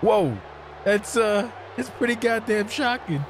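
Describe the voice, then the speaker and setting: A man giving conversational color commentary on wrestling, casual and salty, with halting phrasing. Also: high voice, expressive, background noise.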